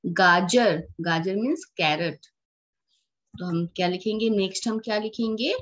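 Woman teacher, slow and patient, repeats and glosses words for small kids, dull lo-fi audio. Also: medium pitch, fairly bright tone. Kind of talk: classroom lesson for young children. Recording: dull lo-fi recording.

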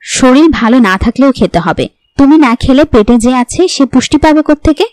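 A woman's voice: high-pitched, expressive, moderate pace, darkish tone, no echo. A woman voicing a worried, irritated young husband.

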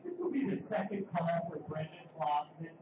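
A man making calm, measured public address announcements as a casino announcer, paging names over a loudspeaker. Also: fairly high pitch. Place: casino card room, indoors. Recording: echoey muffled loudspeaker heard from far off in a noisy room.

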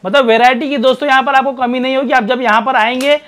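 A man's voice: very high voice, steady tone, fast talker, a bit bright. A man with an Indian accent, hosting a promotional shop video and urging viewers along. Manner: urging viewers, echoing and affirming the seller. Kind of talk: promotional vlog commentary. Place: small clothing showroom, behind the camera.

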